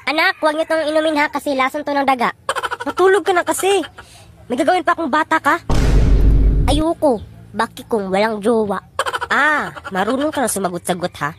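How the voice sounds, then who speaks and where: High-voiced woman doing comic skits. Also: lively intonation, brisk, pauses often, background noise. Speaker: comedy sketch creator. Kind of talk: comic skit playing mother and child.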